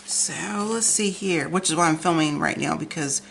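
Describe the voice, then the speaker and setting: A woman's voice: low voice, normal speed, vocal fry, slight background noise. A middle-aged American woman chatting casually and rambling through a craft vlog, gushing, with slightly imprecise, tongue-forward articulation. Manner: rambling, gushing over pictures. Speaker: craft vlogger. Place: at home, indoors.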